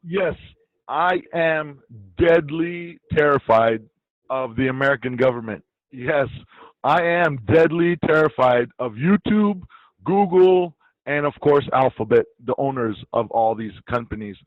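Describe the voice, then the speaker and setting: A man's voice: a little high, measured pace, no echo. A man from Iraq, an interview guest, talking bluntly and swearing freely. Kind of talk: casual interview talk. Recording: dull lo-fi dry sound.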